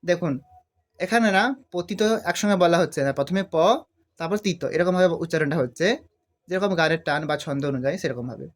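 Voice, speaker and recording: A man teaching a devotional song on harmonium, explaining the notes step by step and singing drawn-out phrases. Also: a little high. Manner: explains slowly, then sings drawn-out phrases. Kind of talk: step-by-step music tutorial. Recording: harmonium loud under the voice.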